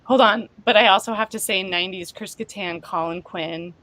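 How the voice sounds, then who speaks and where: A woman's voice: mid-range voice, dry recording. A woman, chatting as a comedian guest in an interview, bursting with enthusiasm. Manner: excitable, quick bursts of enthusiasm. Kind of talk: casual interview chat.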